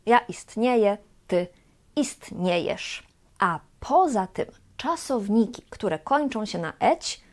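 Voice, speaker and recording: A woman teaches a language lesson at a very slow, measured pace. She says each form deliberately and leaves room after every word so learners can follow. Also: medium pitch, a little mellow. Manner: slow, deliberate, spells out verb forms for learners. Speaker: Polish teacher.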